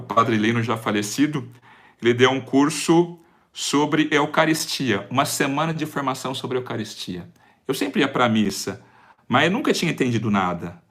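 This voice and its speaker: A Brazilian priest in his forties giving a personal testimony, animated and acting out dialogue as he tells it. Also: medium pitch. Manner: animated storyteller who acts out quoted dialogue.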